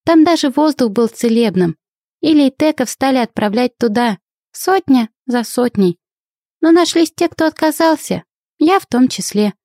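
A woman's voice: high-pitched, expressive, normal speed, a little mellow, no echo, clean studio sound. A woman voicing an ancient female alien soul trapped in a guinea pig, telling her tale with sighs of world-weariness. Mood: grave. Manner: sighing, world-weary storyteller. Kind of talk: audiobook character voice.

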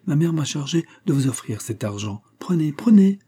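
A man's voice: mid-range voice, expressive, brisk, dark tone, breathy edge, voice pushed up. A man reading an audiobook voices a naive, playful young girl in a raised, girlish voice. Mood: shy.

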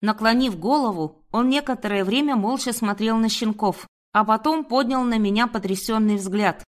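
A woman reading a first-person audiobook in a steady, measured manner. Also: on the high side. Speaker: audiobook narrator. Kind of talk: first-person scripted narration.

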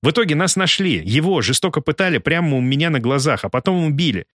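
A man's voice: a little high, animated, fast talker, a bit bright, dry recording, studio quality, pitched above the performer's own voice. A man voicing a vengeful young woman full of hatred in an audiobook, cold and then raging. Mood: furious. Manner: cold, then screaming with rage. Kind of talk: audiobook character voice.

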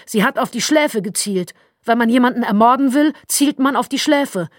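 A woman's voice: on the high side, animated, normal speed, no room sound, clean studio sound, voice pushed up, natural voice. A woman voicing a middle-aged mother who is breathless and worked up, in an audiobook. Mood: agitated. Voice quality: breathless, gasping.

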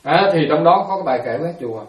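Fields: male Buddhist monk. Style: fast, animated dharma storytelling with a fairly high voice. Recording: roomy, distant. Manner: animated storyteller, repeats words, acts out quotes.

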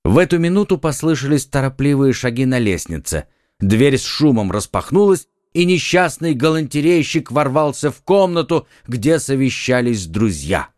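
A male audiobook narrator telling a classic adventure tale with theatrical expression. His pitch rises and falls in lively swings, and the studio sound is close and dry. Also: normal speed, dry recording.

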